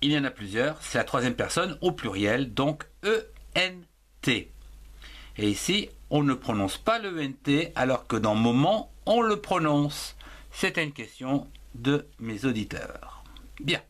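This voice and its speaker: Very animated and fairly bright in tone, a medium-pitched man teaches young children to write. As a primary school French teacher, he dictates slowly and deliberately, splitting words into syllables and spelling each one letter by letter.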